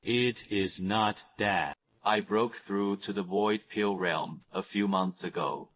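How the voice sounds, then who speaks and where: An unhurried Taoist master in an anime dub. He speaks in a deep, calm and composed voice. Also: low-quality recording. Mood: calm, measured.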